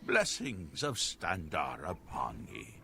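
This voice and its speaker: A man's voice: a bass voice, wildly swooping pitch, takes it slowly, gravelly, sharp tone, full character voice. An actor voicing a male townsman in a fantasy game, sharing guarded secrets. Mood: pleading. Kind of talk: video game character dialogue.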